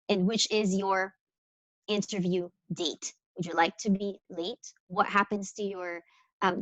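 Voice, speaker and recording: A woman's voice: mid-range voice, fairly bright tone, dry recording, low-quality recording. A woman presenting a career webinar over a video call, stressing points emphatically and asking the listeners questions. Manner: emphatic, addresses listeners directly with rhetorical questions. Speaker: employer representative presenting on interviewing.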